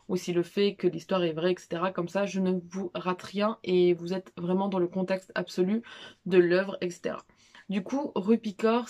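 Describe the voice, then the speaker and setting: A young woman talks through her month's books in a loose, slangy vlog. She trips over words, fills pauses often and pokes fun at herself along the way. Her pitch sits in an ordinary middle range. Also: a little mellow. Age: young adult. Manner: chatty, informal, many fillers and restarts; self-deprecating asides. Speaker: book vlogger. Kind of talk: casual monthly reading recap.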